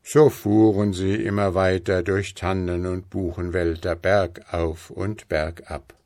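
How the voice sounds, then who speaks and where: A man reading a fairy tale aloud slowly and expressively. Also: dry recording, studio quality. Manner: slow, expressive, lively pitch. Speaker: storyteller.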